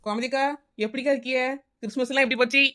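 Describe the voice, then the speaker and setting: A woman's voice: high voice, fairly even intonation, racing, a bit bright. A woman voicing a scatterbrained housewife in a comedy cartoon, chattering and wheedling, with a Kanyakumari Tamil accent. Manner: chattering, wheedling, repeats the neighbour's name.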